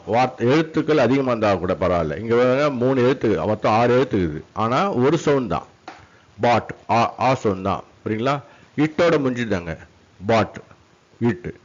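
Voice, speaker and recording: Male teacher, lowish voice, Tamil first language, patient classroom delivery, drills words slowly, muffled lo-fi recording. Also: a little mellow. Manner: patient, repeats words slowly, checks understanding often. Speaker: English teacher. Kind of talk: classroom lecture on syllables and stress. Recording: dull lo-fi sound.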